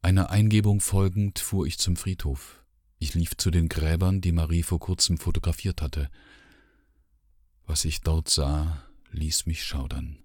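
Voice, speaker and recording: A man narrating a literary audiobook in a measured, sombre first-person voice. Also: deep voice, steady tone, a little mellow, no room sound, clean studio sound.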